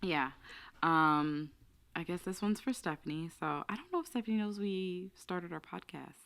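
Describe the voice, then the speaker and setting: Creaky, lowish and a bit bright, this young woman's voice carries a casual podcast chat she co-hosts. She talks candidly, giggles a lot and stretches out her words.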